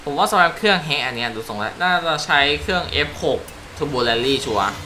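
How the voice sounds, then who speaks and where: A man's voice: mid-range voice, sing-song, a little fast, heavy background noise. A Thai man giving casual, profane commentary while playing a racing game, laughing at his own mistakes. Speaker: gaming YouTuber. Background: car engine and game ambience.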